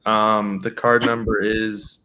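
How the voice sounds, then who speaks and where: Male prank caller, slightly low voice, polite, halting, fumbles his words. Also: flat delivery, bright, forceful tone, clean tone. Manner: hesitant, overly polite, lots of um and restarts. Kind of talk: prank phone call.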